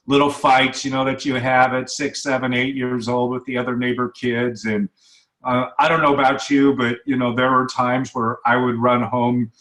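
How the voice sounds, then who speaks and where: A man's voice: mid-range voice, level tone, normal speed, fairly bright tone, roomy sound. A man hosting a radio interview show, chatting casually with lots of fillers and repeated words. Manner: conversational, with many fillers and repeats.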